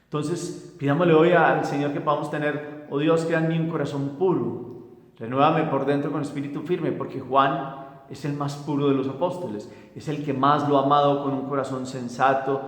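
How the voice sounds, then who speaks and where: Priest preaching in an echoey hall. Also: male voice, fairly high pitch, fairly even intonation, normal speed. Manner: reflective, with frequent restarts and repetitions. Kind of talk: gospel meditation and prayer.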